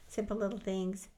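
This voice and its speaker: An older woman, a grandmother, reminiscing in casual chat and chiming in on her husband's stories. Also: mid-range voice.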